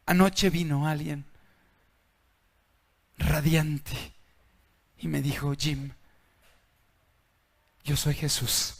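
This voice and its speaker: A man voicing a dying young man who speaks softly and calmly, inside a sermon. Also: a little high, extremely slow, gravelly, long pauses, full character voice. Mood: peaceful. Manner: soft, hushed.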